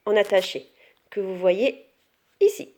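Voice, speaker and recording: A woman's voice: medium pitch, dark tone. Patient woman teaching children handwriting. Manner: slow, patient step-by-step instruction with praise. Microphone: camera held close to the writing.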